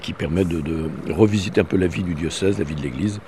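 A man, a bishop, answering in a radio interview in a measured, explanatory way with some fillers. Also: sits low, mellow, slight background noise.

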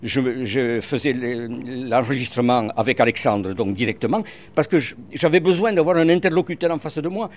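A man's voice: mid-range voice, moderate pace, slight background noise. An older man with a regional French accent, a radio columnist in an interview, hesitant with many fillers but earnest and emphatic.

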